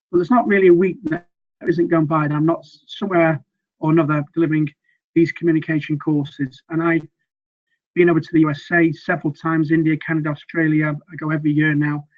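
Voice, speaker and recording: A middle-aged man presents with slides, coaching on communication and sales, earnest and loose in delivery with many fillers and restarts. His rather high voice sounds a bit croaky from weeks of teaching, and the sound is phone quality.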